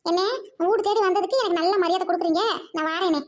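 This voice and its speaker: A woman playing a sharp-tongued, quarrelsome village sister-in-law who nags and taunts in a comic family skit. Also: very high-pitched, steady tone, quick pace. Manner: nagging, taunting, argumentative. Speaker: skit performer playing several roles.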